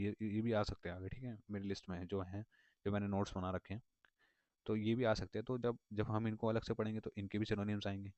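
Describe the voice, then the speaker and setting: A man with a lowish, dark voice teaches vocabulary in a casual, rambling lesson, repeating words, circling back, and using plenty of fillers. The recording is dull, lo-fi, and dry, with no echo.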